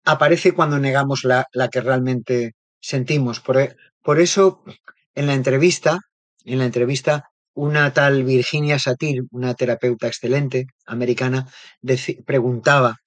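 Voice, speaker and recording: A man's voice: mid-range voice, fairly even intonation, normal speed, no echo. A man, a therapist being interviewed, explaining ideas thoughtfully and often checking in with little tag questions. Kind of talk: reflective interview talk.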